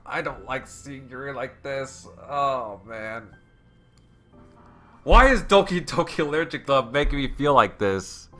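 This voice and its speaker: A man's voice: mid-range voice, sing-song, measured pace, fairly bright tone, soft background music. A man hosting a let's play, giving emotional, rambling commentary full of fillers. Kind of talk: game commentary.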